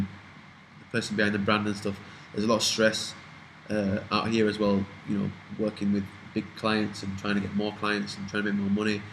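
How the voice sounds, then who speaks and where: Young UK man in his twenties, slightly low pitch, loose rambling vlog talk with cursing, light background hiss. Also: a bit bright, poor audio. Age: 20s. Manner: rambling, swears freely, trails off and restarts. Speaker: vlogger answering viewer questions. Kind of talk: casual Q&A chat.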